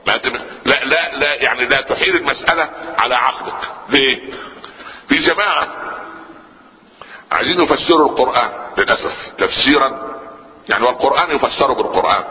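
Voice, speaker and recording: A man's voice: mid-range voice, a little hiss or hum. A man with an Egyptian Arabic accent preaching a sermon, quizzing the listeners with rhetorical questions. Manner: lively, rhetorical questions to the audience. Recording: lo-fi reverberant hall recording.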